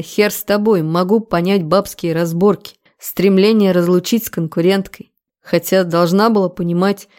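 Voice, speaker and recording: A woman narrator voices an enraged young man grilling someone he despises. He speaks slowly and threateningly, each word weighed out, in a dark, mellow tone. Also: mid-range voice, natural voice. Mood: contemptuous. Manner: slow, threatening interrogation. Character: furious young man, menacing and cold. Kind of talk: audiobook character voice.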